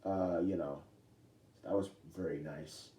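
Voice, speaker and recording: A young man vlogging in a casual, rambling way, halting often with fillers and restarts. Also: deep voice, fairly even intonation, mellow. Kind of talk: casual talk to camera. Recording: echoey room, distant from mic.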